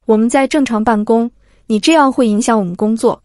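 A woman voicing a calm male office manager who politely tries to settle a scene. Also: a little high, fairly quick, no echo, studio quality, natural voice. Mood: placating. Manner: placating, polite.

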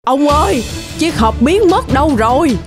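Kind old farmer's wife voiced by a woman, fussing, raised pitch, music underneath. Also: lively intonation, moderate pace. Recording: cartoon with music behind.

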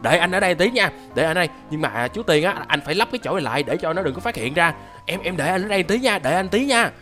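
Young man, high and fast, jittery game narrator who repeats himself. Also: soft background music. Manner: excitable, jittery, repeats words. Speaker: gaming YouTuber. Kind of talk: excited gameplay narration.

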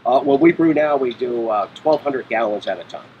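Being interviewed casually on an outdoor patio by a brick wall, a middle-aged man who owns a brewery explains matters plainly. His medium-pitched voice is expressive at a moderate pace, captured in lo-fi sound with a little hiss or hum.

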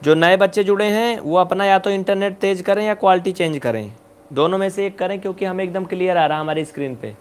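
A man teaching a live online maths class, brisk and coaxing, urging students to answer quickly and scolding them playfully. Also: high voice, clean tone.

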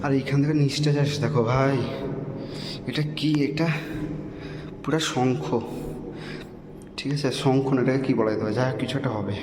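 A man's voice: mid-range voice, normal speed, long pauses. A man with a Bengali accent narrating a casual travel vlog, chummily addressing viewers as friends. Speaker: travel vlogger. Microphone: handheld phone. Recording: noisy on-location phone recording.

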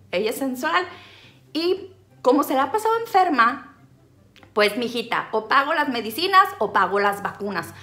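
A woman's voice: sits high, pushed and bright. A woman, telling a comic story to camera in a dramatic, self-mocking way. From Sinaloa, Mexico. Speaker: vlogger.

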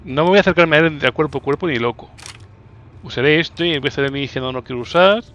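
A man from Spain, commentating a video game casually, teasing the enemy and breaking into excited shouts. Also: a little high, fast talker. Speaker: gameplay commentator. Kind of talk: casual let's-play commentary.

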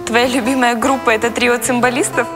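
A woman's voice: on the high side, flat delivery, fast talker, close to an everyday voice. An actress playing a teasing young woman being courted. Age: young adult. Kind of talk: screen comedy-drama acting. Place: indoors in a corridor. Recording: long reverb, faint guitar music.

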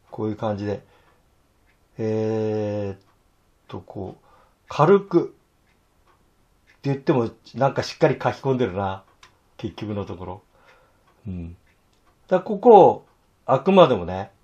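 A hoarse man teaching fountain pen illustration, talking to himself in halting asides as he draws. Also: fairly low pitch, warm tone, highs cut off. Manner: talks to himself while drawing, halting, murmured asides. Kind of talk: casual drawing tutorial.

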